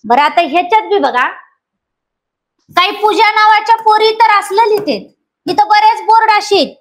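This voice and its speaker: A woman from Maharashtra with a teaches a grammar class for exam aspirants. Her voice sits very high. She keeps quizzing the students and repeats each rule until it sticks. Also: normal speed. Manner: lively, questions students and repeats key points.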